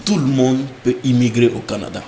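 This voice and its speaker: A man's voice: medium pitch, steady tone, fairly quick, mellow, slight background noise. A man interviewing a guest on TV, building up a formal question step by step.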